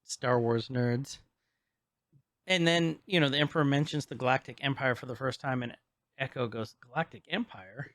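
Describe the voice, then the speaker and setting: A man's voice: medium pitch, moderate pace, fairly bright tone, no room sound, studio quality. A man co-hosting a podcast, casually recapping a show, rambling, laughing often and stumbling over names. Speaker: podcast co-host. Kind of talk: casual chat recapping an episode.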